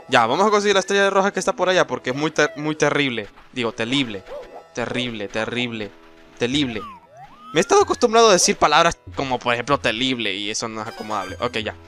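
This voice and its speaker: A man's voice: mid-range voice, big pitch swings, a little fast, sharp tone. A young man giving casual, rambling let's-play commentary, exclaiming and laughing at the game. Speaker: gameplay commentator. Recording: voice over game music.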